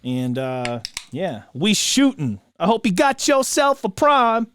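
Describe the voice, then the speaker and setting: A man co-hosting a casual podcast, telling stories in a slangy, excitable way with repeated words. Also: sits high, takes it slowly, smooth, no echo, clean studio sound. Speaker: podcast co-host; broadcaster. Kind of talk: casual chat.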